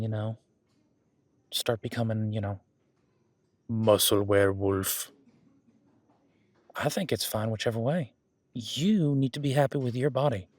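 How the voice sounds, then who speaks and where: Playing a laid-back werewolf who's into the gym and backs his partner, a man talks at medium pitch in a casual, conversational one-sided roleplay, reassuring and rambling as he corrects himself. The very dry recording has almost no room sound and no echo; his voice is a little mellow and the acting light.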